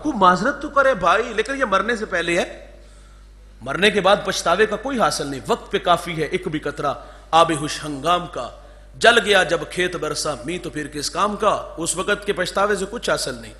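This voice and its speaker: A man preaching an Urdu sermon, moving between loud fervor and hushed storytelling. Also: high voice, animated. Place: mosque gathering, over a sound system.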